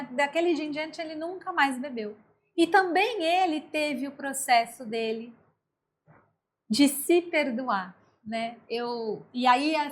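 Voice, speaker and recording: High-voiced Brazilian woman sharing softly. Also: slight background noise. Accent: Brazilian Portuguese. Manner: reflective, tender, halting with soft pauses. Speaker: interview guest. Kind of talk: personal testimony in conversation.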